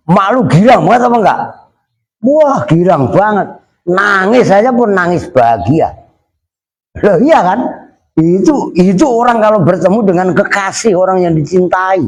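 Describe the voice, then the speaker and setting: A man's voice: fairly high pitch, darkish tone. A middle-aged man from Indonesia, a kyai at a pesantren who translates Arabic phrases line by line. He teases his students and jokes with them between the translations. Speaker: kyai teaching a kitab at a pesantren. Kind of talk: kitab study lesson, translating Arabic line by line.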